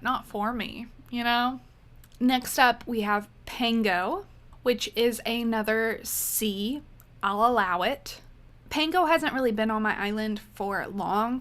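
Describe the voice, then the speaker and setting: Slow-talking, higher-voiced woman gamer. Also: fairly bright tone. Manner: chatty, dryly sarcastic. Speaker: gaming video creator. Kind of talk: casual tier-ranking vlog.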